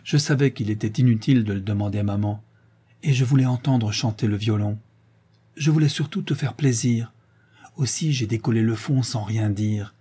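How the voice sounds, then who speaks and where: A man voicing an eager, tearful young farm girl in an audiobook, with a high pleading voice. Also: normal speed, mellow, husky. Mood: eager, hushed.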